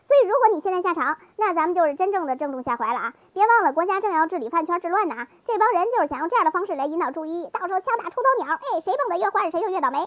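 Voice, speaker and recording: Chatty lady vlogger, high voice, keeps asking her viewers "right?", dry close sound. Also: expressive, rapid-fire, hardly any pauses, no room sound. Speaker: fan vlogger. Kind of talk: casual fan commentary talk.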